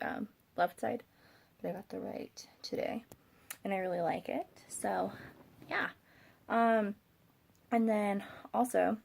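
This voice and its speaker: A woman's voice: medium pitch, vocal fry, darkish tone, a little hiss or hum. A young woman chatting casually as a vlogger, tired and rambling with hesitations, her speech slightly thick from a swollen tongue. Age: young adult. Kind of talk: casual chat to camera.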